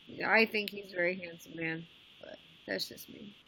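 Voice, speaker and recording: A woman's voice: on the low side, fairly even intonation, normal speed, bright, forceful tone, slight background noise, rough recording. A woman in her twenties hosting a casual livestream chat, blunt and swearing freely, squealing when grossed out. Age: 20s. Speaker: livestream host.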